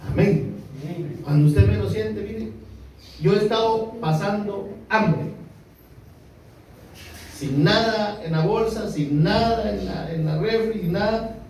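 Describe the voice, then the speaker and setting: Guatemalan pastor preaching in an echoey hall. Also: male voice, high voice, slow, long pauses. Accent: Guatemalan Spanish. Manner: preaching with dramatic swings between loud emphasis and soft asides. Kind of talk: sermon. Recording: echoey room, distant mic, noisy.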